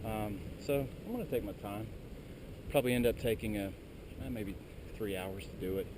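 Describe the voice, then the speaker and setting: A man talking casually to his viewers while hiking, rambling and filling pauses with lots of "uh"s. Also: fairly low pitch. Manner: rambling, lots of filler words. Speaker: vlogger. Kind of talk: casual walking vlog. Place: outdoors on a windy mountain trail. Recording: strong wind noise outdoors. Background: wind.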